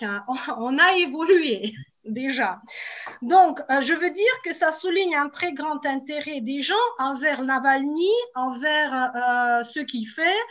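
High-voiced Russian woman speaking slowly. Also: a bit bright. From Moscow, Russia. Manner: hesitant, emphatic, repeats key points. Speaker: ordinary citizen giving testimony in a panel discussion. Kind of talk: spontaneous explanatory discussion. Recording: dull lo-fi sound.

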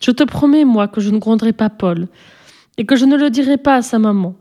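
A storybook mother speaks in a measured, gently admonishing way, firm yet kind, voiced by a woman reader. Her voice sits fairly high with a mellow, soft tone. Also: natural voice. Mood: questioning.

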